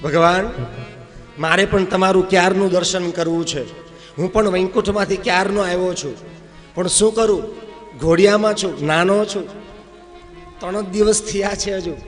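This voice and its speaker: A man's voice: sits high, steady tone, normal speed, long pauses, in a large hall, faint music behind, lightly acted. A man voicing the newborn Krishna, who explains earnestly from the cradle why he cannot come. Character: newborn baby Krishna, mischievous and helpless.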